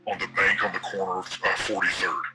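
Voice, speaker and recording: A man's voice: deep voice, little pitch movement, brisk, pushed and bright, soft background music, pitched below the performer's own voice, full character voice. Man doing a voice-changed anonymous caller. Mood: urgent. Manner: terse urgent commands. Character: mysterious anonymous caller on a phone, curt, gives orders. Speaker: game master.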